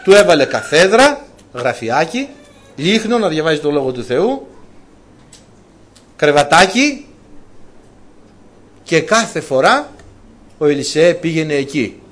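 A man's voice: a little high, big pitch swings, pauses often, a bit bright. A man preaching a sermon, telling stories to his congregation with colloquial asides and calling them dear brothers.

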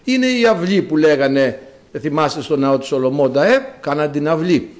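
A man preaching a sermon as a priest, with dramatic rises and drawn-out words. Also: on the high side, lively intonation.

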